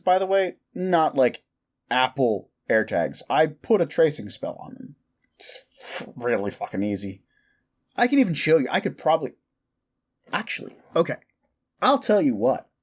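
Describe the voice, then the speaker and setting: In a comedic audio roleplay, a man with a slightly high voice plays a quirky, mischievous necromancer. He rambles eagerly and casually, with slangy stammers.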